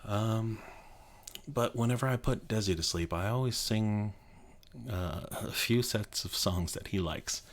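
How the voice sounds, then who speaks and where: A man in his thirties from Colorado, chatting quietly and rambling in a soft-spoken ASMR video from his home office, with many restarts. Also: fairly low pitch, unhurried. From Colorado, USA. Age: 30s. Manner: speaking quietly so as not to wake a child. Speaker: YouTube creator.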